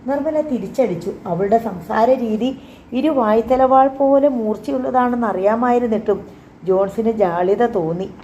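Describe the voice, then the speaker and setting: A woman reads a novel aloud in calm, measured storytelling. Her tone is mellow and warm rather than bright. The recording sounds roomy and a bit dull. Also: a little high, slight background noise. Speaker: audiobook narrator. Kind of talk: scripted narration.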